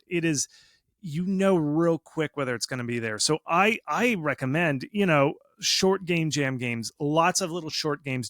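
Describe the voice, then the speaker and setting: The recording is dry and clean, studio-grade, and the man's voice sits in the mid-range. He is a guest expert on game marketing whose conversational, informal advice comes across emphatic and animated, with frequent acted-out imagined reactions and quotes.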